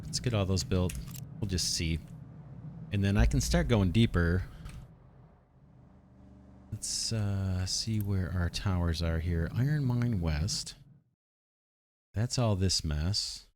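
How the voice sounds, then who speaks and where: A man hosting a let's play, thinking aloud in an unhurried way and asking himself questions as he plans. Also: low-pitched, a little mellow, a little hiss or hum. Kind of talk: thinking aloud while playing a strategy game.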